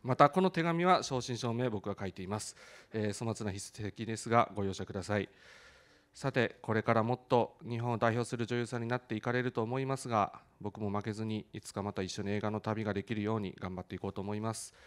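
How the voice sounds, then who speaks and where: Earnest man reading a letter aloud. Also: on the low side. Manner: earnest, measured, slightly halting. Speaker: film director. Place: theater stage at a film event.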